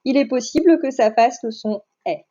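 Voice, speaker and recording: Teacher speaking slowly, mellow voice. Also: female voice, on the high side. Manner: slow, careful, over-articulating sounds and syllables. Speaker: primary school teacher. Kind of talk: recorded phonics lesson for children. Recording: slightly dull lo-fi voice recording.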